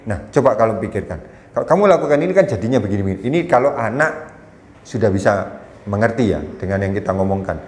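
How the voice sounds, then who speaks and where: A man's voice: on the low side, expressive, fast. A middle-aged man explaining parenting in earnest, conversational talk, now and then acting out an angry scolding parent. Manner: earnest and explanatory, acts out scolding parents with sudden loud bursts. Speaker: guest speaker on parenting. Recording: echoey room with faint noise.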